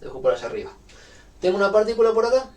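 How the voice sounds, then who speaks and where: A man's voice: high-pitched, very animated, very fast, darkish tone. Man lecturing on physics from a distance. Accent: Rioplatense Spanish. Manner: explains step by step with fillers like "eh" and "este".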